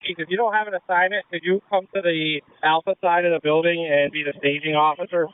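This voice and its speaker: A man's voice: a little high, fairly even intonation, fast talker, smooth. A man directing crews as a fireground officer in terse, procedural firefighter radio talk over a two-way radio. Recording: muffled narrow-band two-way radio.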